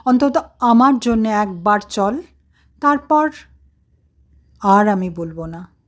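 A woman's voice: mid-range voice, expressive, slow. A woman voicing a devout middle-aged mother who speaks firmly and scolds her son, in a devotional story. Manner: firm, scolding.

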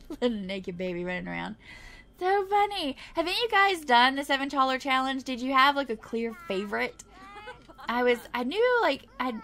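A woman's voice: a little high, fairly bright tone. A young woman chatting and giggling as she plays a life-sim game for her channel. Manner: giggly, chatty, easily tickled. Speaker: Sims gameplay YouTuber. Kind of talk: casual gameplay commentary.

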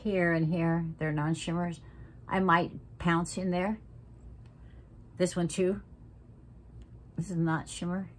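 This 60-something woman's voice is on the low side and level, slow and full of pauses, as she chats frankly and feistily through a makeup tutorial at home. A camera close in front captures her in the living room, where she sometimes half-whispers, and a little hiss or hum can be heard.

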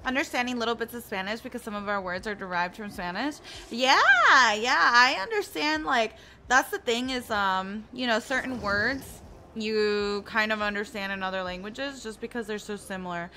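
A woman in her twenties from the U.S. streams a game, talking casually with viewers, laughing frequently and reading their chat out loud. Her voice is fairly high and sharp, at a normal speed, with slight background noise.

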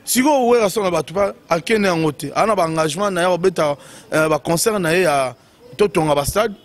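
A high-pitched man talks through music gossip in quick, emphatic bursts. He leans on fillers and keeps the tone casual and animated. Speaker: commentator. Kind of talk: casual commentary on music news.

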